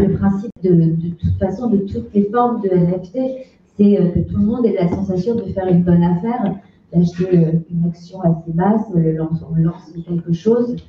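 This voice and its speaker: A woman, a film producer, speaking off the cuff on a panel and searching for her words. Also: lowish voice. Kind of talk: unscripted panel talk. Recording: echoey, distant, tinny, faintly noisy.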